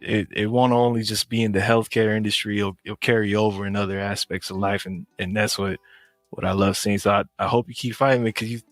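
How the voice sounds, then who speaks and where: A man co-hosts a casual podcast chat and speaks in an encouraging way, repeating himself. His voice is low and flat, with little rise and fall. The recording is dry. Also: a little fast, dry recording, soft background music. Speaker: podcast co-host.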